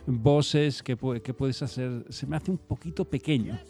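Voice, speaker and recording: A man's voice: medium pitch, unhurried, warm tone, faint music behind. A man chatting on a podcast in a hesitant, laid-back manner. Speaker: podcast co-host. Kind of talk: casual chat.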